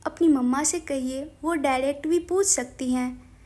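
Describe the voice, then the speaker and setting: A woman voicing an affectionate young husband who teases his wife in a soft, lowered voice. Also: unhurried. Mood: fondly teasing. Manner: soft, lowered, gently teasing.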